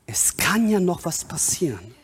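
A man preaching a sermon with passion, moving between loud appeals and quieter spoken asides. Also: sing-song, a little slow, husky. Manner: impassioned, swings between loud appeals and low voiced asides.

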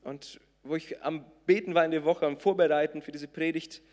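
A man from southern Brazil, preaching a sermon, swinging between loud emphatic peaks and soft intimate lines. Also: on the high side, steady tone, a little fast. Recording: long reverb of a large hall.

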